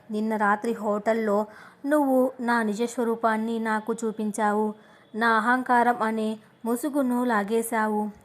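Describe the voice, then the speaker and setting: A woman's voice: fairly high pitch, natural voice. A woman voicing a proud, wealthy young woman who pleads tearfully with a trembling voice, in an audio story.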